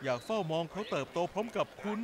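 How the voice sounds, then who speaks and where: A man's voice: sits high, lively intonation, quick pace, background noise. A man dubbing a remorseful young father who earnestly pleads with his lover for one last chance, in a dubbed TV drama. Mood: desperate. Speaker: dub actor.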